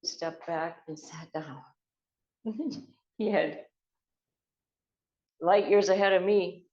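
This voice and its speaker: An older woman from the United States telling a personal story in an earnest, halting way, with many fillers and restarts. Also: fairly low pitch, darkish tone. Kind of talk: reflective spoken storytelling. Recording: echoey, slightly dull room recording.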